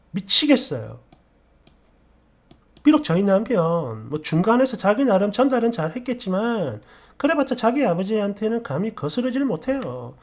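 A man's voice: high voice, darkish tone. A man narrating a first-person story, indignant and complaining, asking rhetorical questions.

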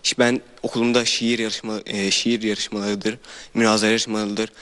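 A teenage boy, a high school student, answering interview questions politely and with some hesitation. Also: level tone, moderate pace, a bit bright. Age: teens.

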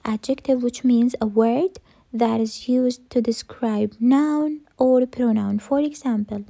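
A woman's voice: fairly high pitch, steady tone, takes it slowly, vocal fry, dark tone. A woman teaching English grammar in a recorded lesson, repeating each rule and answering her own questions.

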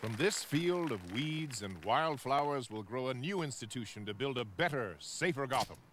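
An actor playing a confident, easygoing young district attorney in an animated series, with a smooth, self-assured manner. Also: male voice, medium pitch, normal speed, a crowd in the background, noisy background, natural voice. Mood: proud, oratorical. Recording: loud music behind the voice.

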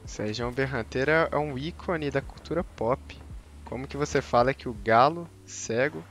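A man's voice: mid-range voice, normal speed, a bit bright, a little hiss or hum. A man giving slangy, joking gameplay commentary on a live stream and teasing his chat. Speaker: game streamer.

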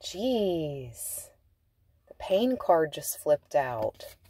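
A woman's voice: deep voice, big pitch swings, drawn-out words, mellow, breathy edge. A woman giving a casual tarot reading from inside a car, chatty and laughing, stretching out words for emphasis. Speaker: tarot reader.

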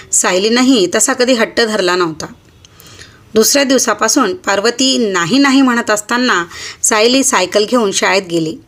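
A woman's voice: medium pitch, a bit bright. Woman reading a story aloud. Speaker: storyteller, channel host. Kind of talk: audiobook story narration.

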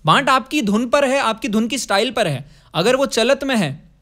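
A man's voice: very high voice, animated, normal speed, a bit bright. A man teaching music, explaining rhythm with counted beats and short sung phrases. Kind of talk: music lesson with sung examples.

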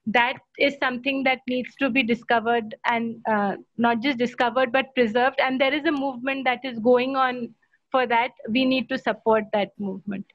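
An Indian woman in her thirties speaks in a fairly high voice, with many pauses, fillers and restarts. The audio comes through a laptop on a video call. It sounds dry and muffled. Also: steady tone, no room sound. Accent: Indian English. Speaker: panelist. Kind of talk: online panel discussion. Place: home room. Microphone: laptop webcam on a video call.

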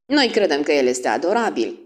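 An excited, giggly eighteen-year-old girl, as a woman narrator plays her, breathless and loud, bouncing through a wide lively range. An audiobook reading. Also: sits low.

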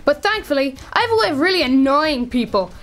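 A woman's voice: sits high, animated, fast talker. A woman voicing a smug, teasing twelve-year-old boy gamer in a radio drama. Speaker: child character in audio drama.

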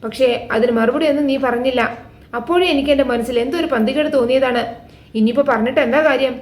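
A woman's voice: high voice, quick pace, close to an everyday voice. A woman voicing a doting middle-aged mother who frets over her injured son, read out plainly in a storytelling recap. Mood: fretful. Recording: echoey room.

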